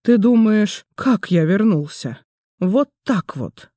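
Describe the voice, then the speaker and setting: A man's voice: sits high, lively intonation, takes it slowly, dark tone, dry recording, studio quality. A man voicing a slippery, nervous young male sorcerer who talks in a whiny, theatrical way, in an audiobook. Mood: gloomy despairing. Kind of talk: audiobook character voice.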